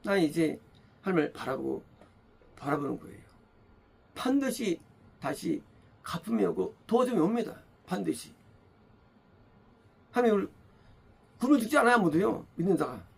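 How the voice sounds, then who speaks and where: A man's voice: high voice, big pitch swings, moderate pace, vocal fry, long pauses, husky. A man preaching a sermon as pastor, pressing his points by repeating phrases and asking rhetorical questions. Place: church.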